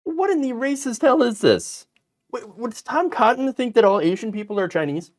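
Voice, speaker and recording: A man hosting casual political commentary, sarcastic and animated, mocking politicians with put-on quotes. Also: very high-pitched, normal speed.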